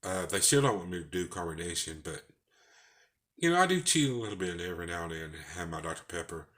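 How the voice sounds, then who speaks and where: A man's voice: low voice, very animated, quick pace, fairly bright tone. A man with a Texas twang, talking in a rambling, folksy way in a casual personal vlog. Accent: Texan. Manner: rambling, folksy, with false starts. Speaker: vlogger.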